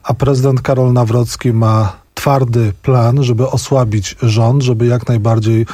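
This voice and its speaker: A man's voice: medium pitch, steady tone, a little slow, mellow, no room sound. A man speaking as a newspaper journalist and studio guest, giving frank, opinionated political commentary with restarts as he thinks aloud. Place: radio studio.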